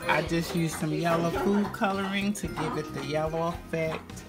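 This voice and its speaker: Filming on a handheld phone, a woman vlogger gives a relaxed, chatty cook-with-me tour of her holiday dishes, pointing them out one by one in her home kitchen and dining room. Her low voice moves at normal speed over loud background music.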